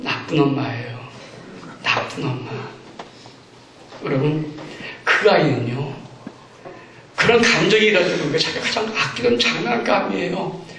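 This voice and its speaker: A man's voice: high-pitched, a bit bright. A man preaching a sermon as pastor, acting out parents and children as he talks. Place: church sanctuary. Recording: echoey church hall, distant mic.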